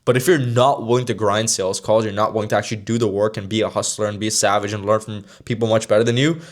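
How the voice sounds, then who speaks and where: A man's voice: on the low side, fairly even intonation, fast talker. A man of about twenty giving a brash motivational talk to camera as a sales mentor, casual and slangy. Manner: brash, slangy, straight-talking.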